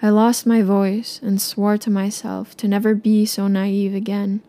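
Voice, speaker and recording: A young woman, a native Tagalog speaker, narrating a personal story in a soft, subdued way. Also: mid-range voice, level tone, a little slow.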